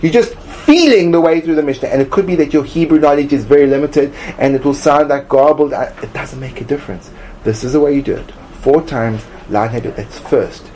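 A man teaching a Talmud study class, emphatic and animated, acting out little voices to make his points. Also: a little high, a little fast, slight background noise. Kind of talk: classroom lecture.

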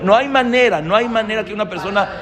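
A man giving a lively sermon, telling stories and acting out quotes with laughter. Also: high-pitched, fast, big-room sound, crowd noise. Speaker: rabbi giving a holiday talk. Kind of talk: lively sermon to a live audience.

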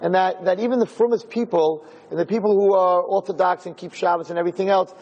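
In a lecture room, a rabbi delivers an informal Torah class to his listeners, emphatic and heavy on rhetorical questions. His high, a little mellow voice moves at a quick pace with fairly even intonation, and the recording's highs are cut off.

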